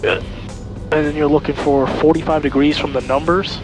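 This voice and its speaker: A man working as a flight instructor, giving calm, reassuring step-by-step instructions over a cockpit headset intercom, often repeating short commands. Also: on the high side, normal speed, over music. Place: small plane cockpit in flight. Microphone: aviation headset intercom.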